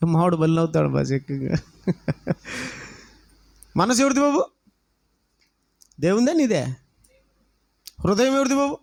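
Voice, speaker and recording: A man preaches in an animated, storytelling way. His voice sits unusually high for a man. He keeps circling back with repeated rhetorical questions to his listeners. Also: measured pace, gravelly, pauses often. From South India. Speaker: pastor. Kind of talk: sermon.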